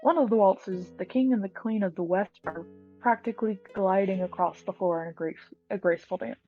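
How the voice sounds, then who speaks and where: A woman's voice: medium pitch, brisk. Woman game master, hesitant reading, slightly dull recording, faint music under. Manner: hesitant, reading notes with fillers. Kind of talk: narrating a tabletop game.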